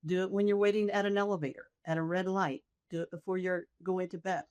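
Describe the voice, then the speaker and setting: A woman's voice: fairly low pitch, level tone, fast, a little mellow, no room sound. A middle-aged woman, a nurse being interviewed, explaining things in an earnest, reflective, instructive way. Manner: earnest, instructive, illustrates with quoted self-talk. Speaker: hospice nurse practitioner, author and guest.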